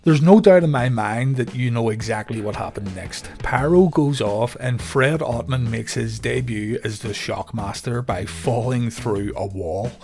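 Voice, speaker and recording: A man giving scripted documentary narration in a steady storytelling delivery. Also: mid-range voice, a little slow, vocal fry, hardly any pauses, faint music behind.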